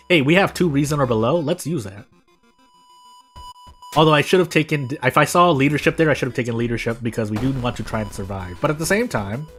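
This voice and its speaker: This American game streamer has a medium-pitched, fairly bright male voice and offers casual live commentary over background music. He rambles and keeps correcting himself as he talks.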